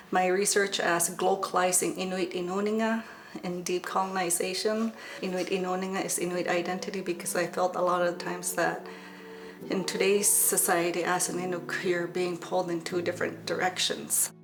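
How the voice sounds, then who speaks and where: A woman doctoral student talking about herself and her studies in an interview. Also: on the low side. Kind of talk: interview self-introduction. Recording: clear music behind.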